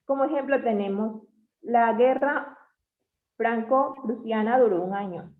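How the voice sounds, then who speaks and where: A woman reading a class presentation on punctuation, going through definitions and examples in a measured way. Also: fairly high pitch. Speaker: student presenter. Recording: tinny phone-like audio in an echoey room.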